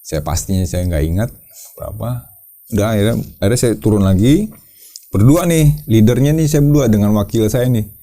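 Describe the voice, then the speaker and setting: A man who leads a caving team, telling his story to an interviewer in a casual, lively way, repeating his words and acting out shouts. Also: fairly low pitch, a little fast.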